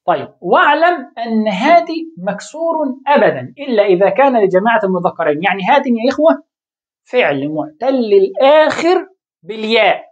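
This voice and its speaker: A woman teaching a grammar lesson, explaining step by step and posing questions to her students. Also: on the high side. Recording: dull lo-fi recording.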